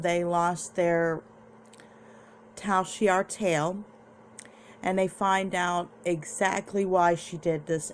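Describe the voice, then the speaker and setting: A woman's voice: lowish voice, a little hiss or hum. A young woman vlogger casually recapping and reviewing a TV episode, chatty and meandering, with restarts.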